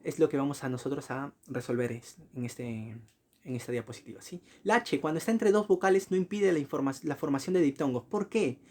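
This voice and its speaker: A man giving a recorded slide lecture, often correcting himself, asking short checking questions and spelling out examples slowly. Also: fairly high pitch, darkish tone. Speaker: teacher.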